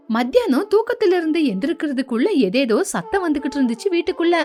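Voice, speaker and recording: Woman narrating a cartoon story, high voice, plain and matter-of-fact. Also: darkish tone.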